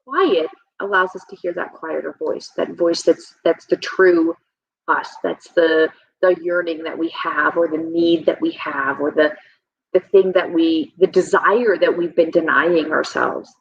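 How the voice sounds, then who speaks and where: A woman in her thirties, a health and nutrition coach talking as a guest in a relaxed interview, reflective and rambling with frequent ums. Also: sits low, a little slow, slightly rough. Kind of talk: casual conversational interview. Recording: slightly dull, lo-fi sound.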